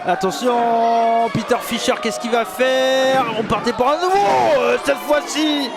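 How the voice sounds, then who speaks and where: A man doing excited live play-by-play as a wrestling commentator, shouting out moves and stretching words. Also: very high-pitched, a little slow. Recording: loud music and roaring crowd behind. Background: loud music, cheering crowd at wrestling show.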